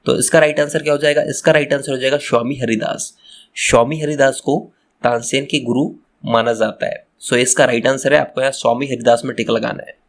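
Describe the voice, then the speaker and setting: A man in the role of a schoolteacher, walking pupils through textbook questions one by one. He repeats key phrases and keeps turning to the children as he explains. His pitch sits in an ordinary middle range. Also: steady tone, fairly quick. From Madhya Pradesh, India. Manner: repeats phrases, addresses children directly, restarts words. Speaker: teacher. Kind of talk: exam answer walkthrough lesson.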